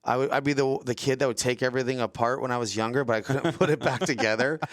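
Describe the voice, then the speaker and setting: A middle-aged man from Southern California, co-hosting a casual podcast and telling stories in animated bursts. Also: medium pitch, fast talker, no room sound, studio quality. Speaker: co-host.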